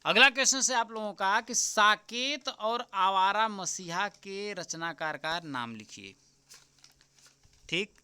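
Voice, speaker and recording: A man teaching as an exam tutor, going through a paper answer by answer, repeating the key answers slowly and often checking with "right?". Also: high voice, bright, forceful tone, smooth. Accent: Hindi. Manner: repeats answers slowly, keeps asking "ठीक?"; addresses viewers as friends.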